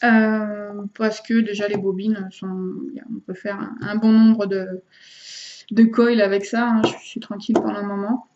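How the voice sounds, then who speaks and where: In a lo-fi clip, a woman with a mid-range, darkish voice explains vaping gear to viewers at a measured pace and in a level tone. It's a casual how-to where she chats while handling the objects, with frequent fillers, hesitations and restarts.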